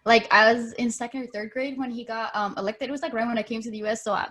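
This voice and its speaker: A woman in her twenties hosting a casual podcast, opening topics in a relaxed, friendly way. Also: fairly high pitch, fast talker. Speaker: podcast host.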